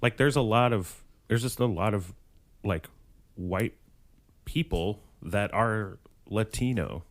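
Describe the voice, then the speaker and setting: A man co-hosting a podcast in casual chat, with a lowish voice. He cracks jokes and rambles through his points with lots of fillers. His delivery is loose and playful. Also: slow. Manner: jokey, rambling with many fillers.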